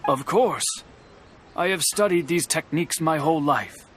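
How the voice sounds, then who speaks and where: An actor playing a proud older master craftsman in an anime-style video game, formal, measured and earnest. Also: on the high side, slightly rough.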